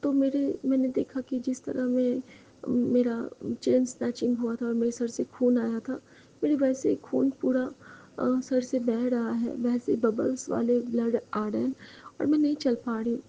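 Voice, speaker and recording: Gravelly, mellow-voiced devout woman. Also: on the high side, flat delivery, moderate pace. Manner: earnest and devout, addresses listeners directly. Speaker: devotee sharing a dream with the congregation. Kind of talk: spoken testimony, retelling a dream. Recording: dull lo-fi recording with faint noise.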